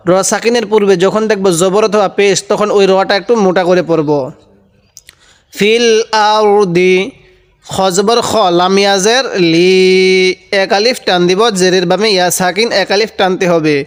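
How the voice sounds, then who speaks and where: A man teaching Quran reading, patiently spelling out each syllable and repeating words slowly, asking the viewer questions and answering them himself. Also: high-pitched, fairly even intonation, clean tone, in a large hall. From Bangladesh. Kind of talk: step-by-step spelling lesson.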